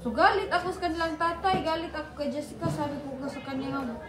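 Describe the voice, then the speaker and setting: A woman's voice: sits high, steady tone, fast talker, reverberant. A pregnant woman chatting in a casual vlog while out walking with her children, telling family stories in a mix of languages. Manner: chatty, storytelling, mixes languages. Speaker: vlogger mother.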